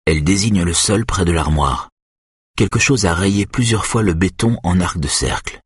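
A man narrates a thriller audiobook in a steady, measured way. His voice sits low and has a husky grain. The sound is dry and close, with no room around it. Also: no room sound.

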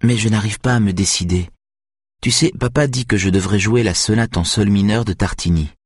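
A man voicing an anxious, driven young woman violinist in an audiobook, raising his voice higher and sounding tense. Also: breathy edge, dry recording, clean studio sound. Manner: higher, tense, quick-tempered.

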